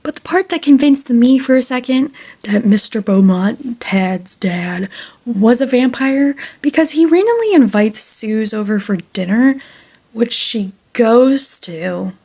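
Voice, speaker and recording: A woman's voice: on the high side, lively intonation, measured pace, mellow. A woman talking through a book in a casual review vlog, chatty and enthusiastic with lots of fillers.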